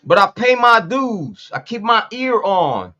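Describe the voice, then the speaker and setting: In a lo-fi, muffled street commentary monologue, a profane Puerto Rican host in his late forties hammers his points by repeating them. His voice sits high for a man, with a sharp tone, very animated delivery, and a measured pace.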